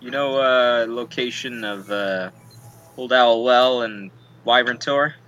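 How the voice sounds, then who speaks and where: A man's voice: medium pitch, takes it slowly, fairly bright tone, clean tone. A man chatting casually as a player in a tabletop game, with some light role-play. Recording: noisy home voice recording.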